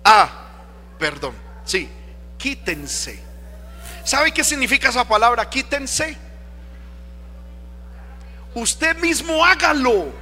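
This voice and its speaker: High bright preacher, reverberant hall. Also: male voice, big pitch swings, takes it slowly, long pauses. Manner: preaching, emphatic, rhetorical questions. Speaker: pastor. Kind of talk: sermon. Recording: long reverb of a church hall. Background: faint music.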